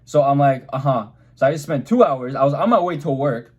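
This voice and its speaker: A young man tells a casual vlog story in his middle-pitched voice. He is animated, swears freely, and jumps into quick imitations of the people he quotes. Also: slightly rough. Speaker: car vlogger.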